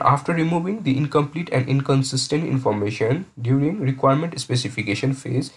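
A man lectures over slides. His voice is a little husky. He works through each point step by step, often restarting phrases and repeating words as he explains. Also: medium pitch.

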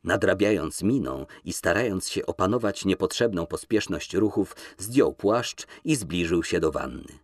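A man narrating an audiobook in a measured, expressive reading voice, recorded in a studio. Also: deep voice, no room sound.

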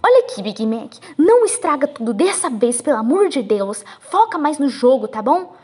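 A woman voicing a bossy, impatient female pony villain in a fan role-play over a game, talking low and hushed. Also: very animated, normal speed. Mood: scheming.

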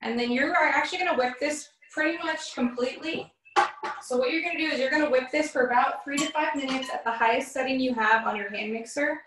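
A woman's voice: high-pitched, quick pace, fairly bright tone, a little hiss or hum. A young woman giving a casual cooking demonstration in a home kitchen, explaining each step in a chatty way with fillers. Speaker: cooking instructor. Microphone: camera across the counter. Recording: echoey kitchen, far from the mic.

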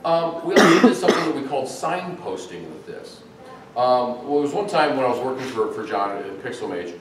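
A middle-aged man giving a chatty, animated conference talk on game design, with ums and uhs. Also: mid-range voice, fairly quick. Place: large echoey conference hall. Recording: echoey hall, distant mic, faint noise.

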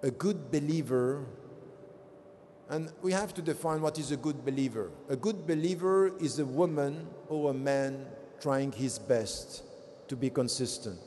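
A man's voice: medium pitch, measured pace, a little mellow, slight background noise. A man in his fifties giving an impassioned religious lecture at a podium mic on a convention stage, asking rhetorical questions. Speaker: convention speaker. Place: large convention hall stage. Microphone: podium gooseneck mic. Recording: long reverb of large hall.

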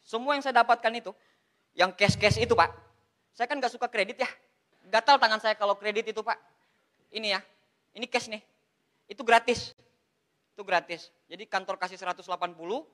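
At a seminar, an Indonesian motivational speaker addresses the audience in a high, bright, forceful voice. He's lively and keeps things animated with jokes, repeatedly turning to the room and calling listeners "Pak."

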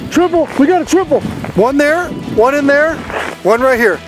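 A man out on a frozen lake, calling out excitedly to his fishing partners about their catches. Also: extremely high pitch, normal speed, over music, poor audio. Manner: shouting, whooping. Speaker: angler. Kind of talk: excited calling out across the ice.

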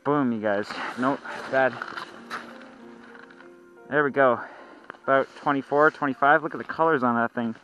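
A man vlogging while ice fishing outdoors on a frozen lake, muttering quietly while he waits and shouting when he lands a fish. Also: mid-range voice, normal speed, long pauses, lo-fi sound, faint music behind. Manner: swings from hushed muttering to loud excited shouts. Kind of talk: casual outdoor vlog commentary.

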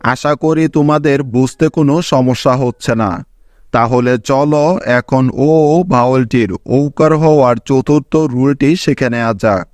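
A man teaching English pronunciation rules in a scripted lesson, reading out example words one at a time in a deliberate manner. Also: medium pitch, fairly even intonation, darkish tone, dry recording.

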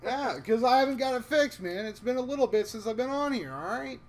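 A man hosting a casual let's play, excitable and swearing often as he talks. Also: very high voice, a little fast. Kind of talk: casual gaming chat. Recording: gunfire and game noise over voice.

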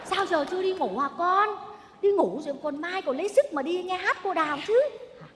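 Domineering old mother-in-law, very high and bright, stage reverb; loud and theatrical. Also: animated, brisk, a little hiss or hum. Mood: doting. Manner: shrill, theatrical scolding and wailing. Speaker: stage comedy actress. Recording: stage recording with long hall reverb.

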